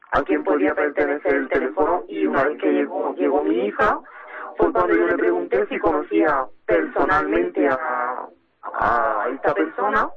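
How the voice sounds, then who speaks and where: This is a woman giving a personal account as a radio guest, speaking as a mother with frequent, cautious pauses. The audio is dull, and her voice is pitched down and distorted to protect her identity.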